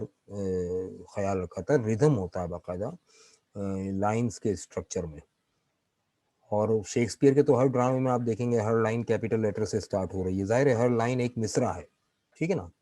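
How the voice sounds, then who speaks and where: A man gives an online literature lecture in a low, mellow voice. He speaks at an unhurried pace, dropping in English terms and pausing to check that his students follow. The sound is close and dry. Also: no room sound, low-quality recording. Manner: explanatory, keeps checking in with students. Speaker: literature teacher.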